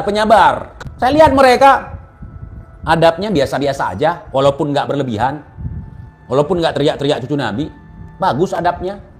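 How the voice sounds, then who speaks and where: A man giving a heated, mocking religious commentary, swinging from quiet asides to loud outbursts. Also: sits high.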